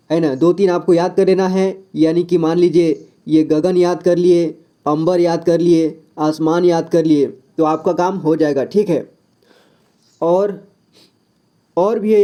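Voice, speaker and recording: A man with a high voice and a very dark, mellow tone teaches a vocabulary lesson. He works slowly through lists of words and pauses often to check in with his students. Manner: repeats "ठीक है" after each point, slow and deliberate. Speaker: Hindi teacher. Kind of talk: classroom lesson listing words.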